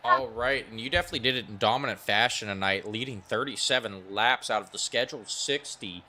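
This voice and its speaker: Bright-voiced male race broadcaster. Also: mid-range voice, a little hiss or hum. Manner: upbeat, hurried questions with many fillers. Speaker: esports racing broadcaster interviewing drivers. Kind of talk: post-race interview.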